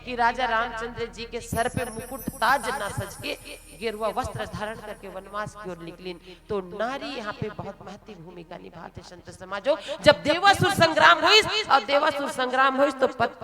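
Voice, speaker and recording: A woman's voice: mid-range voice, moderate pace. A woman with a Chhattisgarhi accent giving a devotional discourse on the Ramayana to a village audience. She tells the story with dramatic rises, addresses her listeners directly, and often breaks into chanted verse. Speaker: Ramayana commentator at a recitation contest.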